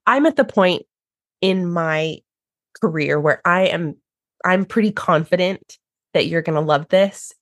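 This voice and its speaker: A woman with a low-pitched voice hosts a podcast, walking through how she works as a designer. She sounds enthusiastic and explains things clearly. The recording is dry and close. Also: measured pace, fairly bright tone, no room sound. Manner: enthusiastic, explanatory, acts out clients in high voices. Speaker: podcast host, brand strategist and designer. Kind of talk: podcast conversation.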